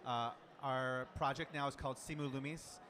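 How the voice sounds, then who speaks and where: A man from the United States, a startup founder, introducing himself on a conference panel in a relaxed, conversational way. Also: medium pitch, moderate pace. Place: conference room with audience. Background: crowd murmur.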